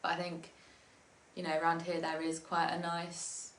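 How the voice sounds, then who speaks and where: A woman's voice: lowish voice, monotone, normal speed, fairly bright tone, roomy sound, slight background noise. A young English woman, a musician, chatting casually in an interview, laughing often and filling with ums and likes. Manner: giggly, with many ums and likes.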